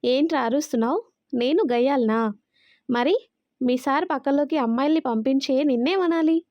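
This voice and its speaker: A woman voicing an angry, sharp-tongued young woman who scolds and accuses. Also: high-pitched, moderate pace, no echo, natural voice. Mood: angry scolding. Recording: dry, slightly dull recording.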